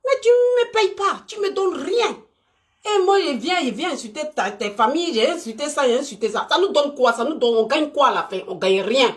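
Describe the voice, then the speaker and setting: Woman ranting on a live stream, swoopy lively voice, keeps repeating herself for emphasis. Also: high voice, normal speed. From Côte d'Ivoire. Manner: animated, emphatic and repetitive, talking straight to viewers. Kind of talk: unscripted live stream talk.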